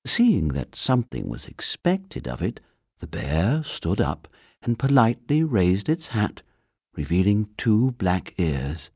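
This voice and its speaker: A man reading a children's storybook aloud in an expressive storytelling manner. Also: low voice, slow, slightly rough, no room sound, clean studio sound. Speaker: narrator.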